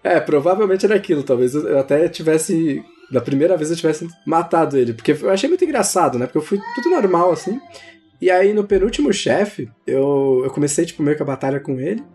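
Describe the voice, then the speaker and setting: A young gaming podcast host with a Brazilian Portuguese accent chats casually, telling stories about video games in slangy, informal speech. His voice is fairly high, expressive and a little mellow, his pace quick, and music plays behind him.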